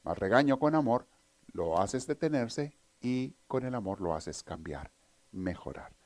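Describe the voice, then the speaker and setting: A man's voice: mid-range voice, expressive, a little slow, darkish tone. A man delivers a sermon in an earnest, teaching tone. His voice sits in a middle range, and he speaks directly to his listeners. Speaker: preacher.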